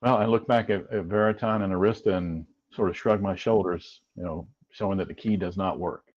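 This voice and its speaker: A man's voice: low-pitched, fairly even intonation, fairly quick, darkish tone. A man playing a tabletop game who talks hesitantly, with formal wording and many fillers. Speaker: player. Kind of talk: tabletop game play over a stream. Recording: dull lo-fi sound.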